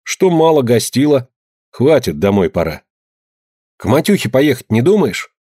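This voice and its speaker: A man's voice: medium pitch, big pitch swings, moderate pace, dark tone, slightly rough, no room sound, studio quality. A man reading a story, voicing a plain-spoken young village lad asking simple questions. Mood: curious. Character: friendly younger peasant brother, plain-spoken.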